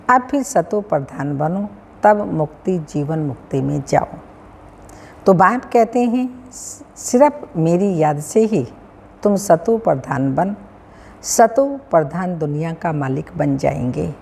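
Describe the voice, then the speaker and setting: A woman with a North Indian Hindi accent reading a daily spiritual discourse as a teacher, in a measured, sing-song recitation with pauses and frequent throat-clearing. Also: on the low side, darkish tone. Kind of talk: slow devotional reading of scripture. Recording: long hall reverb, faint room hum.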